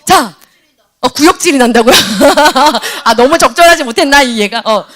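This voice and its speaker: Woman, youth preacher, high voice, very animated, quizzes students, church service. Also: moderate pace. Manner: animated, acts out scenes and questions students by name. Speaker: youth pastor. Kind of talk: youth sermon with audience questions.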